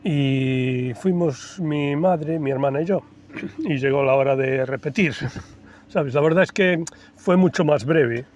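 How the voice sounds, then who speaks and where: A man, giving a personal testimony in church in a conversational, storytelling way that turns soft and reflective. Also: a little high, takes it slowly. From Galicia, Spain. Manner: conversational storytelling with frequent tag questions; grows softer and reflective.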